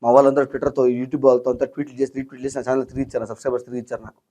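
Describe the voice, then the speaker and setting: Young guy rattling off his story super fast, agitated, does everyone's voices. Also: medium pitch, flat delivery, dark tone. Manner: acts out quoted voices, rushed and agitated. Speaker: interview guest. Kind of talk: emotional storytelling in an interview.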